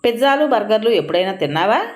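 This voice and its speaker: A woman voicing a fussy, bossy young husband who scolds and shouts. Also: medium pitch, very animated, fast, voice pushed up, close to an everyday voice. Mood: eager.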